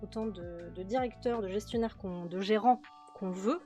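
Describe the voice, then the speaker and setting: A woman's voice: medium pitch, normal speed, mellow. A woman hosting a game commentary video, chatty, with many fillers and repeated words. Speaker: host playing a management game. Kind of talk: casual let's-play commentary. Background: faint background music.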